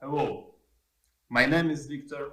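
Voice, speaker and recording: A man from Ukraine with a Ukrainian accent, a chaplain giving a short report in deliberate, plain non-native English, in short phrases. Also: medium pitch, fairly even intonation, bright, forceful tone. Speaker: military chaplain. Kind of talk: short prepared video report. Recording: roomy, echoing sound.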